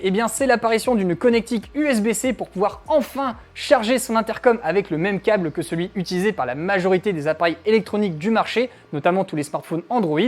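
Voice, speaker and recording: With a medium-pitched, slightly mellow voice, a woman reviewer talks through a scripted product test in a casual, conversational style full of tag words. Faint background music can be heard.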